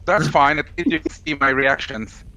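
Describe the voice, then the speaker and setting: A man's voice: a little high, fairly even intonation, moderate pace, pushed and bright, slight background noise, poor audio. A man on a video call whose voice comes through robotic and metallic, chatting casually as a tabletop player and checking that the others can hear him. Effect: robotic, metallic-sounding glitchy call audio.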